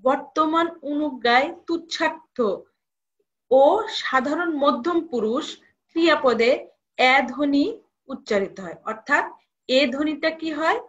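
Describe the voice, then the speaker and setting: A woman's voice: high voice, measured pace, pauses often, a bit bright, lo-fi sound. A woman college lecturer giving a recorded lesson, repeating each rule and asking students questions.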